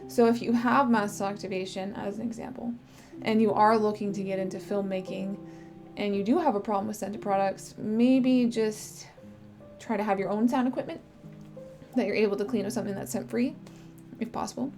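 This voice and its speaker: A woman talks in a loose, chatty podcast monologue, full of fillers and pauses. Her voice sounds strained, and a cough candy clicks in her mouth as she speaks. Her pitch sits in a middle range, with clear music running behind her. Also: darkish tone. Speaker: filmmaker sharing her experience.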